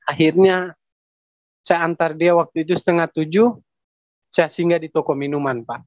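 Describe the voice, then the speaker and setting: A man with a Papuan Indonesian accent tells a personal testimony in broken, halting phrases, circling back on his words and politely addressing the listener. His voice sits high for a man. The sound is close, dry and slightly dull. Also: no room sound. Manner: halting, repeats phrases, adds "Pak" often. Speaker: testimony giver.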